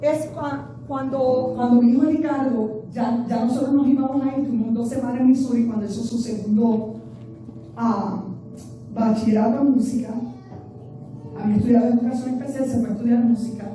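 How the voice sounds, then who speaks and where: A middle-aged woman pastor preaching a sermon, telling stories with animation and swinging between hushed and loud, emphatic delivery. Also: on the high side, steady tone, fairly quick, faint music behind. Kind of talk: Spanish-language sermon with personal storytelling. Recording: echoey church hall, voice from a distance.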